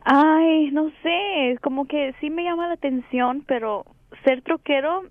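A woman's voice: sits high, measured pace, dry recording. A woman on the phone to a radio show, hesitant and unsure. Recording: muffled phone line.

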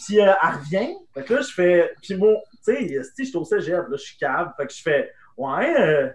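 A young man with a Québécois French accent telling an animated anecdote in casual chat, dropping to hushed tones for the punchlines. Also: high-pitched, brisk, echoey room. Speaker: improv guest. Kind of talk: casual storytelling.

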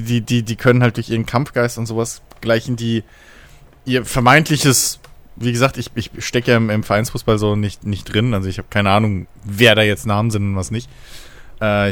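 A man's voice: mid-range voice, clear, resonant tone. A man chatting casually about football as a podcast co-host, hesitant, with many fillers and restarts.

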